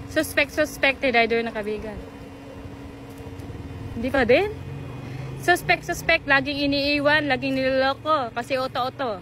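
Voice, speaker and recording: A woman's voice: high-pitched, noisy background. A young woman from the Philippines, a vlogger teasing a friend in a playful, giggly casual chat.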